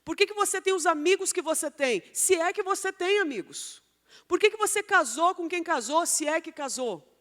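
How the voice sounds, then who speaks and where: A Brazilian woman with a high, bright voice delivers a Sunday sermon, putting rhetorical questions to her listeners. Her voice rings through a church hall and trails off in a long reverb. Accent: Brazilian Portuguese. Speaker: preacher.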